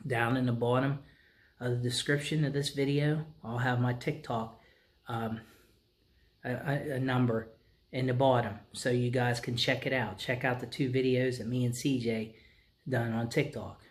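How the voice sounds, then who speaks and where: A man in his forties chatting casually to viewers as host, with halting delivery. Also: medium pitch, level tone. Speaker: host, ventriloquist.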